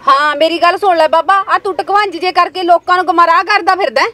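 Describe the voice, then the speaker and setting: A woman playing a sharp, sensible village sister who lectures and scolds firmly, with a Malwai Punjabi accent. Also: very high-pitched, fast. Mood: stern.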